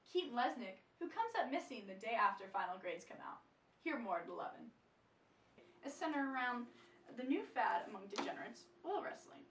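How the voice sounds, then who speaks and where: A young woman plays a news anchor with a high, bright, lively voice and a formal newscaster delivery. The sound is roomy and a little far from the mic. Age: young adult. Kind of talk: amateur news-parody acting.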